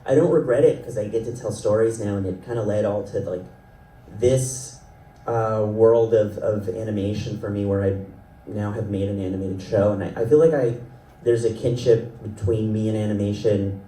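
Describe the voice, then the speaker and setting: Low and mellow, with fairly even intonation and a moderate pace, a man in his thirties talks on a festival panel. He's a South Florida animation writer and creator of Ecuadorian heritage whose remarks wander, undercut himself, and break into frequent laughter. Recorded from a distance in an event panel hall, the audio is roomy with faint noise.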